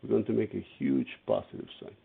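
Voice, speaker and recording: A man's voice: on the low side, wildly swooping pitch, fast talker, gravelly, husky. A man teaching an algebra lesson, walking through each step and asking his students questions as he goes. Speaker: math teacher. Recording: tinny phone-like lo-fi audio.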